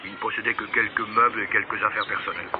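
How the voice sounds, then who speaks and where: An actor playing a busy official on the phone in a dubbed TV soap, brisk and businesslike. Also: male voice, lowish voice, steady tone, close to an everyday voice. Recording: dull, noisy phone-scene sound.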